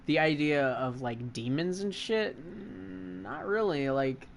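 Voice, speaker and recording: A man's voice: a little high, lively intonation, takes it slowly. A young man co-hosting a podcast, chatting casually in a rambling, crude way full of fillers. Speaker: podcast co-host. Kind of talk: casual chat.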